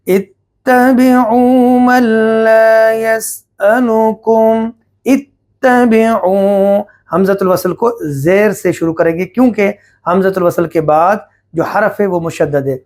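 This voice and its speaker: A man teaching Quran recitation rules, explaining patiently, asking and answering his own questions, and chanting verses slowly as examples. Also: high-pitched, a little mellow.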